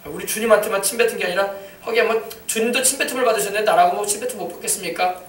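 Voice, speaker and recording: Preaching at a quick, forceful clip, this male pastor has a high voice and now and then shouts out commands. The sermon is captured from a distance in a spacious church full of echo, with faint noise beneath.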